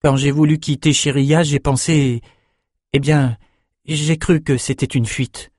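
A man's voice: fairly high pitch, steady tone, unhurried, a little mellow, no room sound, studio quality, pitched above the performer's own voice. A man doing a flustered young swordsman. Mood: earnest. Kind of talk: audiobook character voice.

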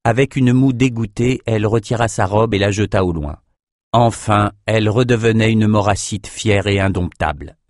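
A man narrating an audiobook in a steady, measured voice. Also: on the low side, no echo, studio quality.

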